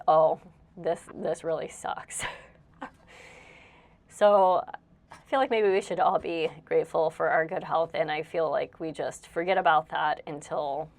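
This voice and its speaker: A young woman with a low voice and vocal fry, sounding a little congested, narrates her house cleaning for a vlog. She rambles casually, pokes fun at herself, and laughs often.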